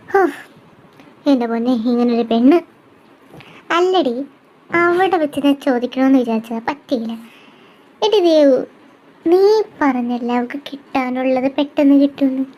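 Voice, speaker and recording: A woman acting out a fan audio drama, chatty and animated, coaxing and scolding as she voices the friends' talk. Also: high voice. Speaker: storyteller voicing all parts.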